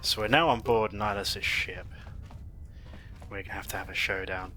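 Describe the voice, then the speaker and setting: A male gaming host with a fairly low voice. He gives casual playthrough commentary, muttering easygoing asides to himself. Music plays clearly behind him. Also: steady tone, moderate pace, bright, forceful tone.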